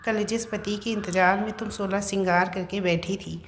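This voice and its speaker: A woman's voice: mid-range voice, steady tone, moderate pace, echoey room, a little hiss or hum, lightly acted. A woman voicing a smug young mistress who mocks the wife, in a narrated story. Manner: smug, mocking.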